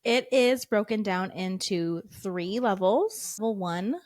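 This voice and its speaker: A woman's voice: medium pitch, takes it slowly, a little mellow, dry recording, studio quality. A woman co-hosting a casual podcast chat in a wry, emphatic way. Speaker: podcast co-host.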